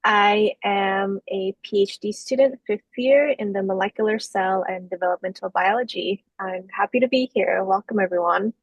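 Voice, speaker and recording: A woman's voice: medium pitch, normal speed, hardly any pauses, breathy edge, no echo. A young woman, a graduate mentor, briefly and kindly introducing herself. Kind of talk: self-introduction over video call. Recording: dull dry audio.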